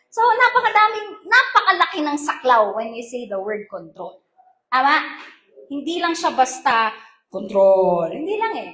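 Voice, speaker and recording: A woman pastor delivers an animated, playful sermon in a high voice, switching between Tagalog and English as she goes. She acts out the voices she quotes. The sound is roomy and echoey, as in a church hall.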